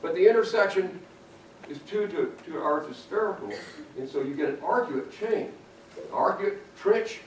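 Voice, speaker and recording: A man giving a lively, playful university geology lecture to students in a lecture room. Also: high voice, moderate pace, slight background noise. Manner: animated, playful, talks to students. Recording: echoey room from far off.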